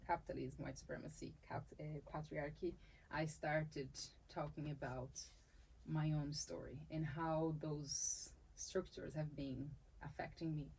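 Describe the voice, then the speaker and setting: A woman with a Brazilian accent, native to Portuguese and from Salvador, Bahia, speaks in a low, gravelly, darkish voice, unhurried and with fairly even intonation. The audio is poor, carrying a little hiss or hum. A dancer and capoeira teacher in a conversational interview, she is thoughtful, restarting phrases frequently and laughing easily.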